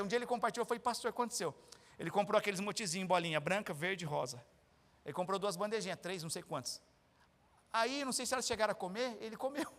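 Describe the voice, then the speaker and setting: A male pastor with a Brazilian Portuguese accent preaching a sermon in a church, animated and jokey as he acts out everyday scenes. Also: high-pitched, big-room sound.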